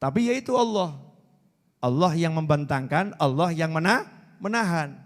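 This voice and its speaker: A man's voice: on the high side, animated, moderate pace, big-room sound. A man, preaching a sermon in a playful way and repeating words for emphasis. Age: 40s.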